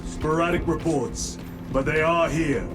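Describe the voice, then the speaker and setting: A man plays a stern super-soldier officer in a war game. His voice sits slightly high, with terse, formal phrasing and a guarded, commanding temper. Music plays clearly behind him. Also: steady tone, unhurried, close to an everyday voice. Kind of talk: dramatic video game acting.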